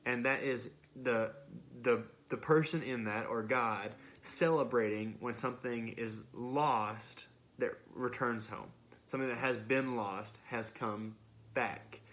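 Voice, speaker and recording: A young man gives a sermon in a relaxed, conversational way, sounding more like a talk with friends than a formal address. He often stops mid-phrase, repeats a word and starts over as he works through his point. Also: mid-range voice, takes it slowly. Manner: conversational, frequent restarts and repeated words. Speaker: preacher. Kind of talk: casual sermon.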